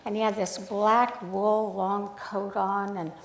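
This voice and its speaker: A woman photographer giving a casual, storytelling talk at an art club, chatty and animated, acting out the dialogue she recalls. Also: medium pitch, slow pace, creaky. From United States, grew up in Sacramento. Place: art club event room. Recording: echoey room.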